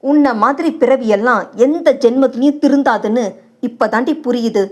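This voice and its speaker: A woman's voice: normal speed, darkish tone. A woman voicing an enraged young man who hisses threats in an audio novel. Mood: menacing. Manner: low, hissing, menacing.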